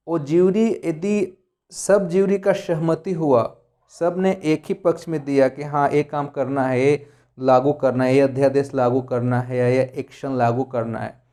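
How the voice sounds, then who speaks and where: A man's voice: on the high side, warm tone. A man giving a grammar lesson, explaining rules through lists of examples and often checking in with the class. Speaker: English grammar teacher.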